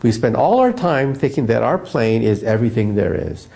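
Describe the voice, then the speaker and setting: A man from the United States, a physicist guest in an interview, explaining science as an animated, emphatic storyteller. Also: medium pitch, normal speed, gravelly.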